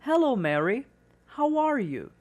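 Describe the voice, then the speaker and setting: A woman reading the part of a man greeting an old friend, in slow, carefully pronounced English. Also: sits high, big pitch swings, a little mellow, highs cut off, pitched above the performer's own voice, full character voice. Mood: friendly.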